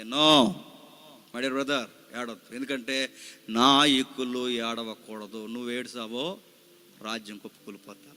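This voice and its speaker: A man's voice: sits high, sharp tone, long reverb tail. A male pastor preaching a sermon, dramatic and full of rhetorical questions to the congregation. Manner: repeats scripture phrase by phrase after a reader.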